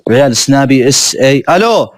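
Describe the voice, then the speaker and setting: Male streamer, playful rapid banter, dry close recording. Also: mid-range voice, animated, no room sound. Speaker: live streamer. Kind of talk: casual live-stream chat with viewers.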